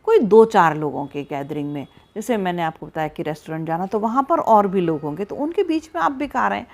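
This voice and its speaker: A woman's voice: on the low side, expressive, a little fast. A middle-aged woman psychologist speaking directly to the listener, coaching them step by step through their fear. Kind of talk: advice talk to camera.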